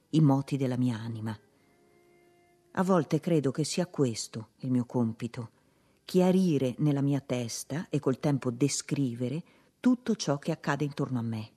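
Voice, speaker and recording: A woman reading aloud from a diary in a measured, reflective way. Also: extremely low pitch, dark tone, slightly rough. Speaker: reader. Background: faint music.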